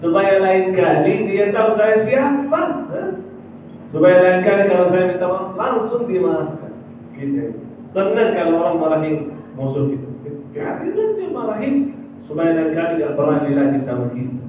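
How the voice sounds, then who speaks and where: A man preaching a sermon, telling a story with lively acted-out dialogue and chanted phrases, heard from far off in a mosque. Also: high-pitched, a little hiss or hum. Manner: animated, acts out dialogue, drawn-out chanted phrases. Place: mosque hall. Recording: distant, phone-like, very echoey hall.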